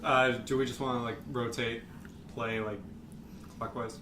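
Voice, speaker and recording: A young man hosts a relaxed podcast among friends, stumbling and restarting his sentences as he goes. His voice is strikingly bright and forward. A faint hiss runs under the recording. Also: mid-range voice. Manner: halting, hesitant, many restarts. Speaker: podcast host. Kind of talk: casual chat.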